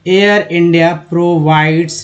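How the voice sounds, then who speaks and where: Man, raised pitch, slow and deliberate as a spelling teacher. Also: fairly even intonation, lo-fi sound. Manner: slow, syllable-by-syllable sounding out of words. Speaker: English teacher. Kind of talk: spelling and pronunciation lesson.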